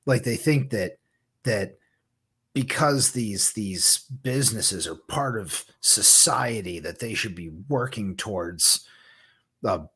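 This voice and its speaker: Casting note: male co-host, husky tone, lively, sarcastic delivery. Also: lowish voice, slow. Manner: sarcastic, mocking. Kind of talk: casual political chat.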